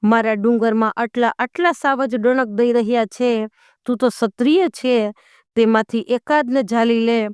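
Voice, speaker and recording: A woman voicing a sun god whose voice booms down from a temple dome in a folk tale. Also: steady tone, normal speed, a little mellow, smooth, dry recording, studio quality, close to an everyday voice. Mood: booming. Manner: booming and reproachful.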